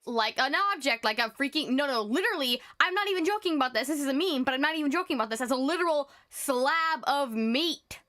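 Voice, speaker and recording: Woman, streamer, casual rambling chat, stutters, nervous, high-pitched, bright tone. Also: fast talker, hardly any pauses. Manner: rambling, stuttering, animated rant.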